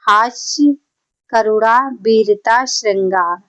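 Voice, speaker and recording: A woman teaching an exam-prep grammar lesson, explaining patiently and reciting verse lines slowly. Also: a little high, fairly bright tone. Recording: slightly dull lo-fi audio.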